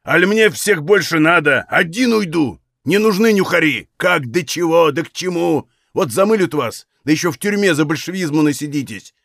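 A man voicing a small, spiteful, hotheaded Cossack who shouts and quarrels. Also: on the high side, lively intonation, moderate pace, gravelly, few pauses, dry recording, clean studio sound, voice pushed up, heavily acted. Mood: heated shouting.

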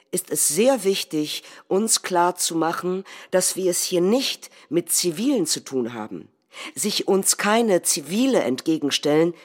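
A stage actor, a woman with a somewhat low voice, plays a calculating nationalist head of government. In this theatrical reading she gives a measured, rhetorical political speech.

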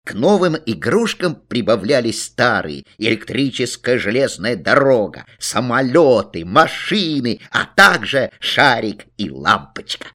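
A man narrating a children's story with an expressive delivery. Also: medium pitch, unhurried, few pauses. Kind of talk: storybook reading.

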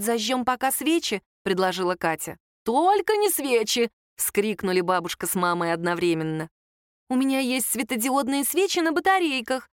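A woman's voice: medium pitch, clear, resonant tone, no echo, studio quality. A woman narrating a story as an audiobook, lifting her voice when she quotes the characters.

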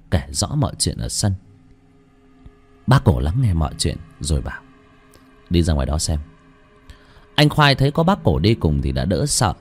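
Male horror narrator: low, dramatic, suspenseful, very expressive. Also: breathy edge. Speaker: storyteller. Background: faint music.

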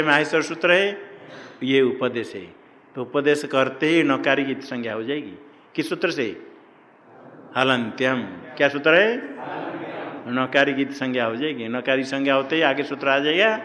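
A man with a medium-pitched, slightly bright voice leads a Sanskrit grammar class in an ashram classroom, going over key terms repeatedly and asking his students questions. The recording carries long hall reverb.

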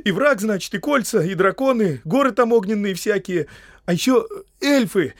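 A man's voice: high voice, lively intonation, normal speed, no room sound, studio quality, voice pushed up. A man voicing a simple, eager young male hobbit gardener who pleads in rustic country speech, in an audiobook.

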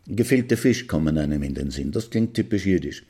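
A man's voice: low voice, animated, brisk, warm tone, breathy edge. A man hosting a podcast, telling jokes in a wry, conversational monologue that addresses the listener directly. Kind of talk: storytelling monologue.

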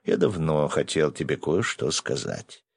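A man's voice: rumbling low, lively intonation, measured pace, vocal fry, slightly rough, no room sound, clean studio sound, heavily acted. A man voicing a teasing, tender young merchant who jokes playfully with the woman he loves.

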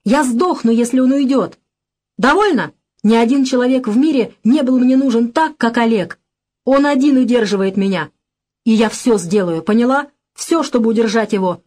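A woman's voice: medium pitch, animated, moderate pace, darkish tone, close to an everyday voice. A woman reading the part of a tense, bitter young man who speaks in a strained, raised voice. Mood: shouting.

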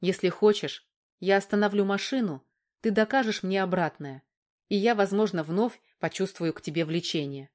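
A woman's voice: mid-range voice, moderate pace, a little mellow, lightly acted. Woman doing a curt, dry-spoken man. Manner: dry, terse.

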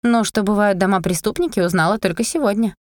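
A woman reads a first-person fantasy audiobook in a lively, expressive way. Her voice sits at a middle pitch, and the recording is dry and close, with no room sound. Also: quick pace, dry recording. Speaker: audiobook reader.

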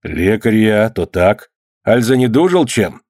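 A man voicing a calm, puzzled male folk healer just woken up. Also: lowish voice, unhurried, no echo, clean studio sound.

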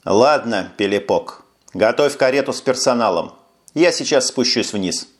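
A man's voice: mid-range voice, lively intonation, normal speed, lightly acted. A man voicing a tired, sarcastic police lieutenant who speaks curtly in an audiobook. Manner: sarcastic, curt. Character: weary sardonic male police lieutenant.

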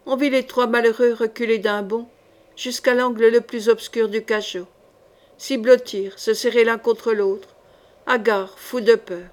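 A woman's voice: on the high side, steady tone, a little slow. Woman narrating an adventure novel. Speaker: audiobook reader. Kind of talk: scripted narration.

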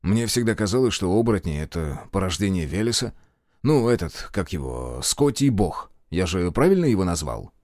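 A man's voice: low voice, sing-song, normal speed, darkish tone, no echo, studio quality. A man reading a cheeky earnest young man. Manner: earnest, defensive, casual. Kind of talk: audiobook character voice.

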